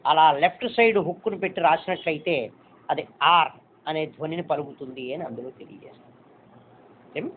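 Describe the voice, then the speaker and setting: A man's voice: fairly high pitch, fairly quick, long pauses, slight background noise. A man teaching a shorthand lesson step by step, patiently repeating points and checking that students understand. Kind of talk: step-by-step classroom instruction. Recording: tinny phone-like recording.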